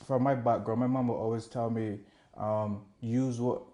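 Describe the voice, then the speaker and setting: A Bajan-accented musician from Barbados gives a casual interview, speaking informally and often rephrasing himself. His medium-pitched voice is warm and steady at a normal speed. The interview room is roomy and echoing.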